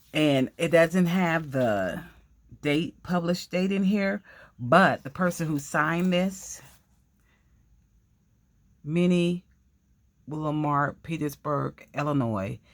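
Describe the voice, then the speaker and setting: Older woman, casual craft vlogger, chatty and rambling, talks to camera like a friend. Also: sits low. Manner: rambling, chatty storytelling aside to viewers. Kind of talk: casual chat while crafting.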